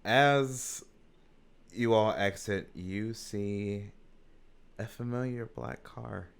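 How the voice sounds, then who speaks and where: Low-voiced man running a tabletop game. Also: drawn-out words, creaky, clean tone. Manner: relaxed, describing scenes and prompting players. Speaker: game master.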